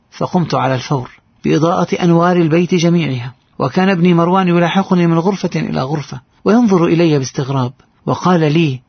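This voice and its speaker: A man's voice: fairly high pitch, creaky, husky, no room sound, highs cut off. A man narrating a heartfelt first-person story in an earnest voice.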